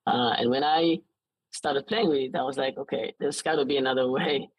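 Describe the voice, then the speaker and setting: An interview guest in his late twenties, Israeli-accented, chats casually but haltingly, often starting over mid-thought. His medium-pitched voice carries a breathy edge, and the poor audio has no echo.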